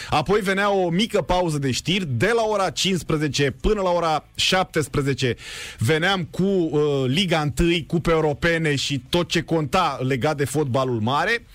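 Romanian sports show host reading results. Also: male voice, a little high, fairly bright tone, dry recording. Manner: quick newsreader-style rundown of results, chatty asides. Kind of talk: live sports talk show.

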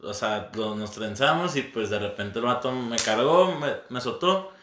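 Nineteen-year-old Mexican guy, crisp bright tone, easygoing banter, echoey room. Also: medium pitch, lively intonation, moderate pace, slight background noise. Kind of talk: casual chat. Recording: roomy echo.

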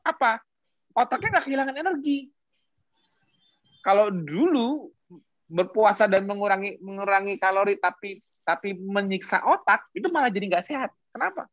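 Lively speaker firing rhetorical questions. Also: medium pitch, moderate pace, pauses often, dry recording, muffled recording. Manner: animated, rhetorical questions, mixes English terms. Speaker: guest explaining health science. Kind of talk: casual explanatory podcast talk.

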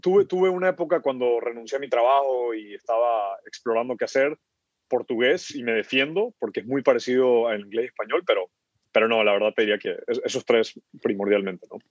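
This man, a startup founder from Ecuador, talks briskly in a mid-range voice during a relaxed podcast interview. He tends to repeat words as he thinks, and the audio is dull, muffled, and dry with no echo.

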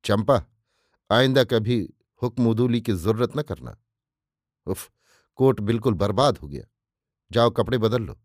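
A man's voice: on the low side, animated, measured pace, long pauses, no room sound, clean studio sound. A man voicing a cruel, commanding king in a narrated story, speaking in an imperious, indulgent way. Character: cruel, commanding middle-aged male king.

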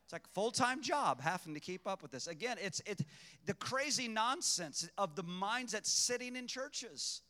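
A man preaching a sermon in a fervent, emphatic manner, with sudden loud bursts. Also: high voice, expressive, normal speed. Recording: long reverb, echoey hall.

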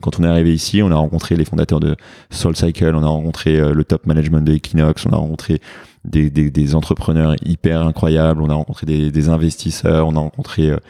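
A French man with a very deep, mellow voice explains his fitness business in an interview. He hesitates often and fills pauses with fillers. The recording is close and dry. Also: dry recording. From France. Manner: hesitant, many fillers and restarts. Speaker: fitness studio founder.

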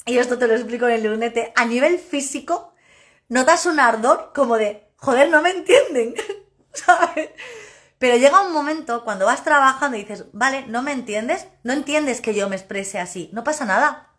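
A woman talks to her live-stream viewers as a personal development coach. Her voice sits a little high. She speaks loudly and emphatically and often breaks into laughter. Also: normal speed.

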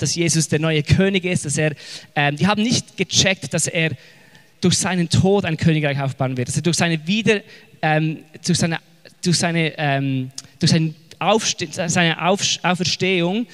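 Swiss German preacher, slightly high voice. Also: male voice, in a large hall. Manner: searching for words, frequent fillers and restarts; retells scripture in casual, lively paraphrase. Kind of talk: sermon.

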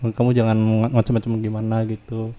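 A young man speaking in a laid-back, drawn-out way in a casual chat with friends. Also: fairly low pitch, completely flat delivery, mellow.

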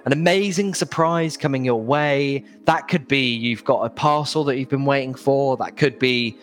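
A man co-hosting a podcast in casual chat, wry and quick to laugh. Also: mid-range voice. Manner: laughs often, wry and chatty. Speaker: podcast co-host.

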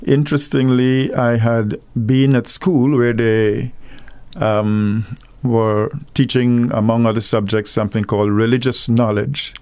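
A slow, deliberate middle-aged man with a Guyanese accent and a gravelly, resonant low voice. He talks earnestly as a guest on a radio program, his voice close and dry in the studio. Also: little pitch movement, darkish tone, no room sound. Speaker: guest minister. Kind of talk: radio call-in interview.

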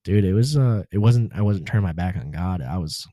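A man's voice: deep voice, expressive, fairly quick, mellow, no room sound, clean studio sound. A man guest on a podcast, telling a personal story in a casual, laid-back way, full of slang like "dude" and "bro".

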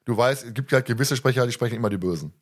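A man's voice: medium pitch, rapid-fire. A man hosting a casual podcast chat, talkative with frequent self-corrections, who also reads aloud from a book. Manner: chatty, laughing, with self-corrections. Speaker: podcast host.

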